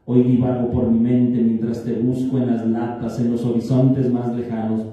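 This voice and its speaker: A man reciting his own poem at a literary event, steady once he begins reading. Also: mid-range voice, normal speed, muffled recording. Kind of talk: poetry reading. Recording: echoey hall from far off.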